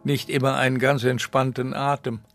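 An actor in a radio drama playing a wry man who tells a grim story about his mother in a dry, deadpan way. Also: medium pitch, normal speed, soft background music, natural voice.

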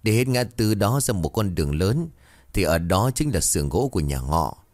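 A man's voice: deep voice, very animated, normal speed, a little mellow, dry recording. A man voicing a chatty middle-aged village woman who gives directions helpfully.

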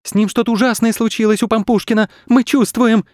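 A man voicing a pair of anxious young wooden carousel horses in a storybook, high and jumpy. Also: lively intonation, normal speed, darkish tone, no echo, studio quality. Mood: worried. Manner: high, jumpy, easily frightened.

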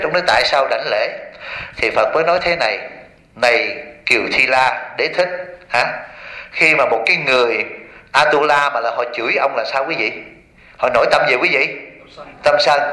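A man, a Buddhist monk, giving a lively dharma talk to an audience and often asking them questions. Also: a little high, echoey room, poor audio. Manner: lively, asks the audience questions, tells stories with quoted voices.

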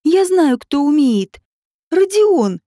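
A woman's voice: high voice, animated, moderate pace, dark tone, no echo, studio quality. A woman voicing a timid, flustered woman writer who talks hesitantly and apologetically. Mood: excited.

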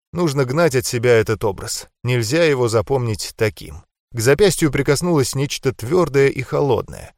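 A man's voice: medium pitch, dry recording. Guy reading a grim first-person audiobook, dead dry close sound. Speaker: audiobook narrator. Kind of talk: scripted first-person narration.

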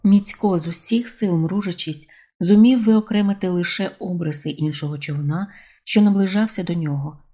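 A woman narrating a humorous novel as an audiobook, in a measured, wry storytelling manner. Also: lowish voice, mellow.

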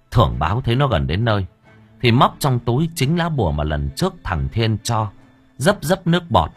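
A man narrating an audio story in a vivid, expressive way. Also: lowish voice, husky.

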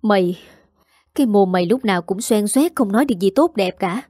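A frustrated young husband, talking back irritably and fast, as a woman reading a story voices him. The voice is mellow and dry. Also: medium pitch, animated, no echo, lightly acted. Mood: defensive. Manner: defensive, irritable.

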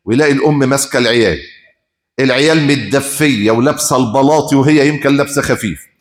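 A man's voice: mid-range voice, fast. A man preaching a Friday sermon with an Egyptian accent, telling stories with passion and firing rhetorical questions at his listeners. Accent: Egyptian Arabic. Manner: impassioned storytelling, rhetorical questions. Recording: roomy echo.

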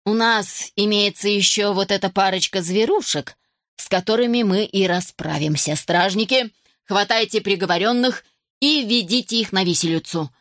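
A woman voicing a cruel, pompous old male judge in a storybook reading, with a fawning, flattering manner. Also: mid-range voice, moderate pace, no echo, clean studio sound, close to an everyday voice. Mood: gloating.

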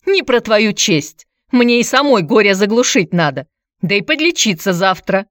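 A woman doing a sharp-tongued drinking woman. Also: sing-song, moderate pace, no echo, studio quality, lightly acted. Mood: indignant. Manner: snappish, sarcastic, shrill when riled.

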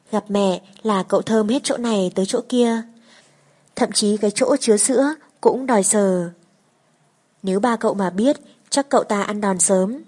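A woman narrates a serialized story in the first person, keeping an even, steady storytelling pace. Her delivery is measured and scripted, as in an audiobook reading. The voice sits at a middle pitch for a woman.

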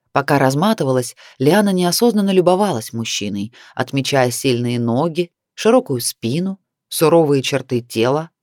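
Steady audiobook narrator, dry sound. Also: mid-range voice, no echo.

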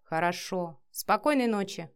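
A woman's voice: medium pitch, animated, measured pace, smooth. A woman reading the lines of a short-tempered, domineering man who growls, swears and gives orders, in an audiobook. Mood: calm.

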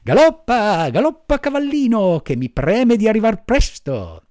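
A man voicing an eager, impulsive wooden puppet boy in a high, pleading, excitable storybook voice. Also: moderate pace, dry recording, clean studio sound. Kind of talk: audiobook character voice.

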